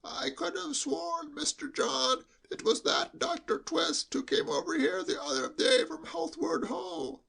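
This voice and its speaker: A man reads a story aloud, voicing a timid old male butler with a high, bleating, quavering voice. The heavily acted character speaks slowly, deferentially, and in a hush, with vocal fry and a timid, confiding mood.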